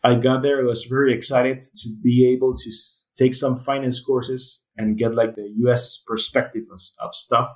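A man's voice: mid-range voice, flat delivery, normal speed, hardly any pauses, low-quality recording. A man in his thirties from Ecuador, speaking English as a guest, answering with many fillers and restarts. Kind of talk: casual interview answers.

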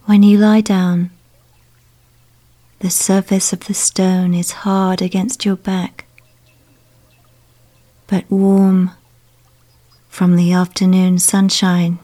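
Hushed, slow-speaking woman guide. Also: fairly low pitch, flat delivery. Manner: soft, hushed, often whispered delivery. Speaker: meditation guide. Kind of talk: guided relaxation narration.

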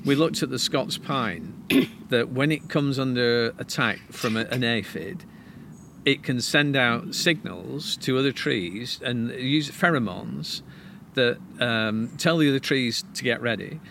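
A man's voice: medium pitch, a little slow, vocal fry, background noise. A man, a tree expert, telling stories eagerly with frequent restarts. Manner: enthusiastic, stammering restarts. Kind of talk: casual conversation.

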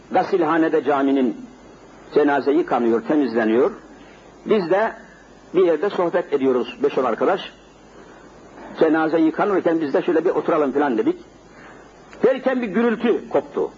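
A man's voice: on the high side, expressive, normal speed, long pauses, a little mellow. A middle-aged male preacher giving a sermon in a mosque, telling a story vividly and speaking directly to his congregation. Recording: dull lo-fi sermon recording, faint noise.

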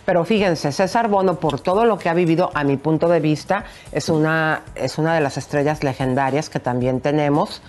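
A woman's voice: low-pitched, moderate pace, hardly any pauses, a little mellow. A woman co-hosting a gossip show, chatty and casual, addressing her audience directly. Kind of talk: casual entertainment chat.

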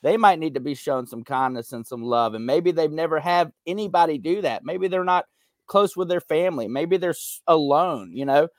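On the high side and at a moderate pace, this young man's voice comes through in a clean studio recording without room sound. He's a veteran and content creator appearing as a podcast guest, reflecting earnestly in a candid conversational interview and frequently saying "you know."

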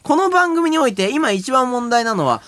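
A man's voice: very high voice, sing-song, moderate pace, a bit bright, dry recording. A man co-hosting late-night radio from a studio mic, reading listener mail in an easygoing way and apologizing readily after slips. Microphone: studio microphone.

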